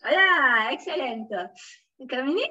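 A woman's voice: high-pitched, lively intonation, a little slow, sharp tone, dull audio. A woman with a French accent teaching a beginners' French lesson, patiently modelling phrases and encouraging her students.

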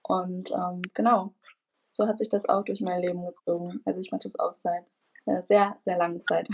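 Calm young woman with a husky voice. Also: on the low side, normal speed, low-quality recording. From near Koblenz, Germany. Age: young adult. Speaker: band member guest. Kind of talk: video call interview. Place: room at home. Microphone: video call.

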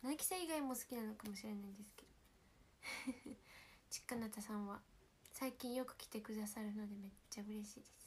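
A teenage woman with a Kansai accent chatting casually with fans on a livestream, speaking softly and often whispering because of a sore, swollen throat. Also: mid-range voice, fast talker, slight background noise. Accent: Kansai Japanese. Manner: soft-spoken, often drops to a whisper. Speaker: idol livestream host. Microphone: phone.

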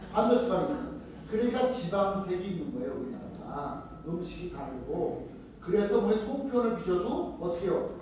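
High-voiced priest lecturing in an echoing hall. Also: male voice, recorded from a distance, background noise. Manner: asks the audience questions and answers them himself. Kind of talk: retreat lecture to a live audience. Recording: very echoey hall, recorded from afar.

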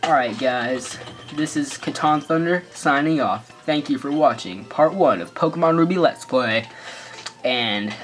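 This is an American man with a medium-pitched voice, speaking a little slowly as he gives rambling, goofy let's play commentary packed with sarcastic jokes. Faint game music can be heard behind his joking asides.

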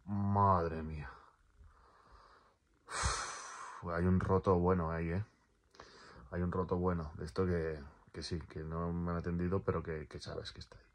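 Nursing a torn calf and clearly in pain, a male vlogger chats loosely in a personal vlog, cursing freely and repeating words. His voice sits low and sounds a little mellow.

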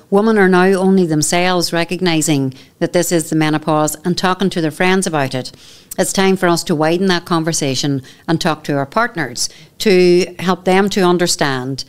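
A Northern Irish woman in her 50s, a menopause educator, is a guest on a candid, conversational podcast interview, seated in a studio with armchairs and recorded on a boom mic on a stand. Her smooth, slightly low voice is earnest and emphatic, and she repeats key phrases.

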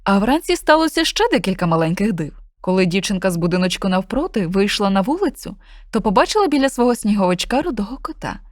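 A woman reading a children's fairy tale aloud in a gentle, expressive storytelling manner. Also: mid-range voice, fast talker, no room sound, clean studio sound.

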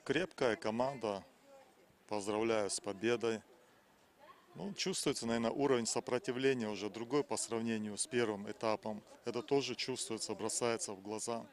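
Gravelly middle-aged male football coach. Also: lowish voice, moderate pace. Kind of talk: post-match interview answers. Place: outdoors at a football stadium. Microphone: interviewer's handheld microphone.

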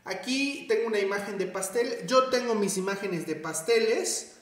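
A man's voice: high-pitched, expressive, moderate pace. A man giving a chatty design tutorial, thinking aloud and correcting himself as he works. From Mexico. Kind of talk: screen-recorded tutorial. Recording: very echoey room.

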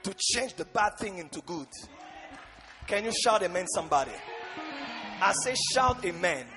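High-pitched fiery man preaching a sermon. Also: animated, normal speed, over music. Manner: impassioned, emphatic, repeating phrases with shouted calls to the congregation. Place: large church hall, on and before a stage. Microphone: handheld microphone.

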